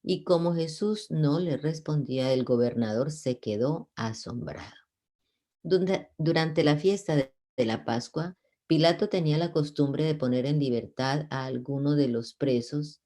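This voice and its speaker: A man's voice: on the high side, measured pace, warm tone. A man reading a Bible passage aloud in an unpolished way, stumbling now and then and correcting himself. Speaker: Bible reader.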